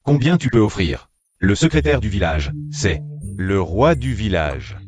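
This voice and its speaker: A man's voice: fairly low pitch, big pitch swings, unhurried. A man playing a greedy, bullying, blustering village schemer in a dubbed drama. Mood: greedy, scheming. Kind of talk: dubbed short-drama acting.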